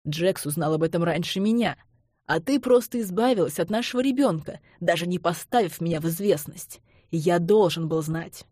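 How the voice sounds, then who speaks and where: A woman reading the lines of an angry young man who speaks harshly and roughly, in an audiobook. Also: on the low side, expressive, a little fast, no echo, clean studio sound. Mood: furious. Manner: harsh, rough, shouting through clenched teeth.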